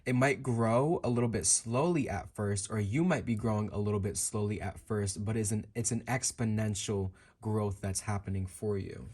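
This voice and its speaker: A man's voice: fairly low pitch, moderate pace, few pauses, a little mellow. A man giving a fortune teller's improvised tarot reading straight to the listener, musing and circling back to repeat and rephrase his phrases. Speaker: tarot card reader.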